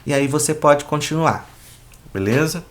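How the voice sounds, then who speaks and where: A man's voice: on the high side, expressive, normal speed. A man with a Brazilian Portuguese accent, a teacher patiently walking students through a worksheet and checking in often. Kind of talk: explaining a school worksheet.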